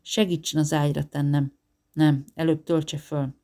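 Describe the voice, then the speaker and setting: A man voicing a brusque, self-assured male doctor giving curt orders, with a creaky voice. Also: a little high, flat delivery, mellow, close to an everyday voice. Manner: curt, commanding.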